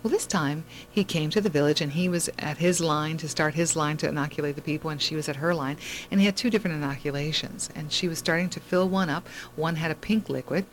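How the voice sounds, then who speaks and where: A woman's voice: low-pitched, fast talker, slight background noise. A woman hosting a talk show, telling a long story in a rambling way with many fillers and restarts. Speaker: host.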